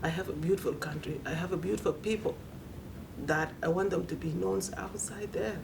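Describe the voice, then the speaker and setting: A woman's voice: brisk, gravelly. A woman speaking in a heartfelt way, repeating her phrases, in a documentary interview. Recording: distant mic with audible rumble.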